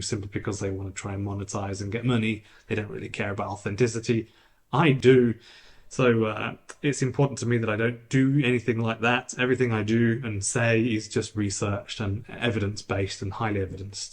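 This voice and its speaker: A man talking to his viewers in a rambling, casual vlog, recorded on a camera's built-in mic that makes his voice sound slightly robotic. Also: fairly low pitch. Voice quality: slightly robotic, degraded audio. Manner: chatty, rambling, frequent restarts and fillers. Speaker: YouTuber.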